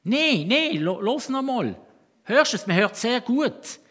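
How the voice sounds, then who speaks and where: Man doing an insistent, sharp-eared Swiss woman. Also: very high voice, very animated, a little slow, in a large hall, voice pushed up, full character voice. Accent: Swiss German.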